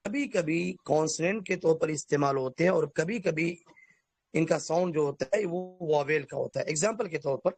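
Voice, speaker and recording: A man teaching a basic English lesson, explaining letter sounds and spelling words out slowly letter by letter. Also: a little high, darkish tone, no echo. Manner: addresses listeners formally.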